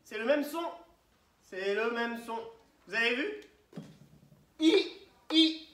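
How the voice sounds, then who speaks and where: Teacher questioning pupils in an echoey room. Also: male voice, very high-pitched, lively intonation, sharp tone, far from the mic. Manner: questioning, prompting pupils to answer; spells out syllables slowly. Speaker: primary school teacher. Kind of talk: teaching a class of young children. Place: classroom. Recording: roomy echo, voice from the mic.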